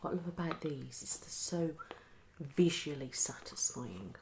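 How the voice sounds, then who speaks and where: A woman hosting ASMR in a breathy whisper, often with no voice in it at all. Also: deep voice, expressive, measured pace, noisy background. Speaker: ASMR host.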